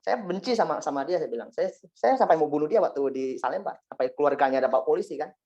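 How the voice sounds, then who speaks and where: This man tells his testimony to a congregation as a meandering story, frequently adding "ya kan" and "singkat cerita" for his listeners. He's a fast talker with a slightly high, slightly mellow and animated voice, and the recording is dull and lo-fi.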